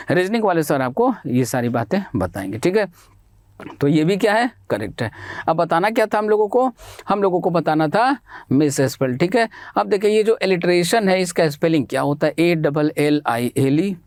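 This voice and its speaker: Indian male tutor, call-and-response lecturing, spells words slowly, dry close sound. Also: on the high side, a little mellow, no room sound. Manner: asks questions and answers them himself, spells words out letter by letter; addresses students as beta and bhai. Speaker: exam-prep English teacher. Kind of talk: Hindi classroom lecture.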